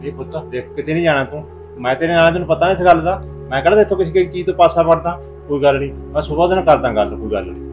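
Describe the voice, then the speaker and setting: A man's voice: a little high, expressive, rapid-fire, highs cut off, faint music behind, lightly acted. An actor playing a middle-aged father-in-law who keeps apologizing and pleading to make peace, in a village family drama. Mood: apologetic. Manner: pleading, apologetic, repeats himself.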